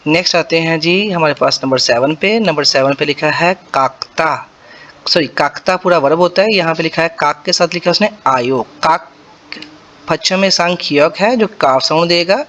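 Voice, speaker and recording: A man with a Punjabi-accented Urdu voice, patiently teaching Korean pronunciation to beginners and repeating sounds slowly syllable by syllable. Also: on the high side, a bit bright. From Pakistan.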